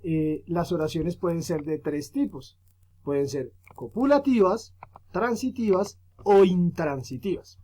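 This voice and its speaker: A male teacher giving a grammar lesson, explaining patiently, often checking in with "¿cierto?" and filling pauses with "eh". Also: high voice, expressive, mellow. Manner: explanatory, frequent "¿cierto?" tag questions; fillers "eh" and restarts while explaining. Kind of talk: recorded grammar lesson for students.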